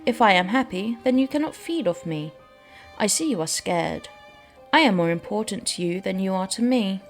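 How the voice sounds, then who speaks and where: A woman's voice: mid-range voice, animated, normal speed, soft background music. A woman doing game playthrough commentary and reading the dialogue aloud as she plays.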